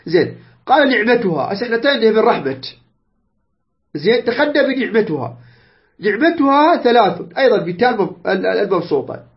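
A man's voice: high voice, very animated, quick pace, muffled recording. A man with an Iraqi Arabic accent teaching a classroom lesson on Quranic spelling and recitation, explaining step by step and often checking that his students understand. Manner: patient explaining, checks understanding with "clear?" and "good".

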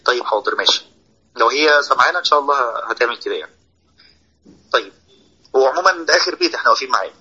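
A husky-voiced man with an Egyptian accent leads an online lesson on Quran recitation, explaining patiently and checking in with his students. His tone is sharp and bright. The audio is dull and lo-fi, like a compressed online call. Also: mid-range voice, lively intonation, racing, long pauses. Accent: Egyptian Arabic. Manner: explanatory, checks in with listeners often. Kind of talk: online class lecture.

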